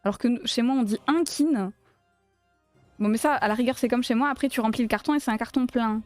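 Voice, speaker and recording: A playful woman with a south-west French accent and a voice on the higher side talks her chat through a crochet project, laughing easily. The sound is dry and close, with faint music under her voice. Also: steady tone, very fast, no echo. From south-west France. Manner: chatty, playful, laughs often while answering chat. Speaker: crochet live streamer. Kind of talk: casual live-stream chat while crocheting.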